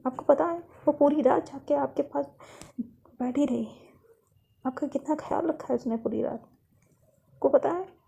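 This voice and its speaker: A woman's voice: sits high, unhurried, gravelly, long pauses, mellow, dull audio, pitched above the performer's own voice, full character voice. A woman voicing a worried mother who scolds her daughter with pleading questions, in a read-aloud story. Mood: reproachful. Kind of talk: storybook reading.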